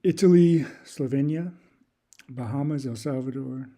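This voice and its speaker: Dude on a stream, really dark mellow tone, mid pitch, reels off a list, kinda hesitant. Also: male voice, a little slow. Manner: reads off long lists in a steady run; thinks aloud with hesitant restarts. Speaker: YouTube creator. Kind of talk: casual live-stream commentary.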